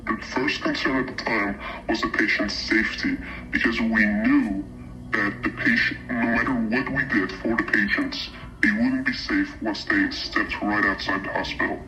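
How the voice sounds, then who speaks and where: A man giving interview testimony as a doctor, his voice electronically altered into a disguised deep voice. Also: fairly even intonation, normal speed, pushed and bright. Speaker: doctor giving witness account. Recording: dull lo-fi audio with music behind. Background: music.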